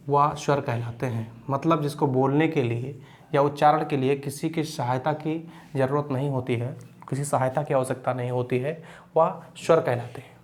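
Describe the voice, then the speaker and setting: Male teacher repeating points with steady checks. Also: medium pitch. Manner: repeats key phrases, checks in with "ठीक है"; recites Sanskrit sutras slowly. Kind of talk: exam-prep grammar lesson.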